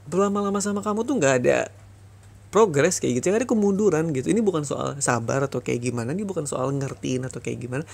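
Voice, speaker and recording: A man's voice: on the high side, gravelly, darkish tone, breathy edge, exaggerated voice. A young man voicing a bitter boyfriend in an ASMR boyfriend role-play, scolding his toxic ex over and over in a heated voice. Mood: reproachful. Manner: heated, reproachful, repetitive scolding.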